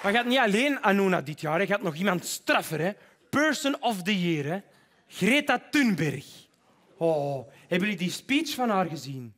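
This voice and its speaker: Animated Flemish stand-up comedian. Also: male voice, sits high, moderate pace, some chatter behind. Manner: animated, mocking, acts out voices.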